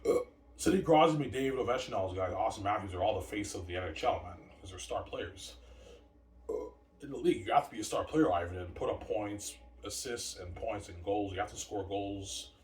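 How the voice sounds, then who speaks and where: A man with a fairly low-pitched voice speaks fairly quickly, recorded from a distance in an echoey space with faint background noise. He's a solo vlogger rambling on to himself, repeating words and leaning on "like" and "man" to fill gaps.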